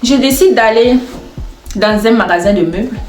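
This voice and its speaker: A woman telling a comic storytime, chatty and animated as she acts out the dialogue. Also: on the high side, normal speed, soft background music. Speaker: storyteller, content creator. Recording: echoey room.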